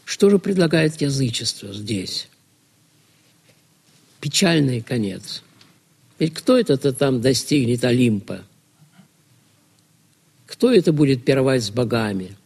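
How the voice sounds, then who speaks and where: Male lecturer, gravelly and husky, rhetorical questions answered in turn. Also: medium pitch, animated, measured pace, long pauses, darkish tone. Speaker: lecturer on religion. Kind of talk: lecture to students.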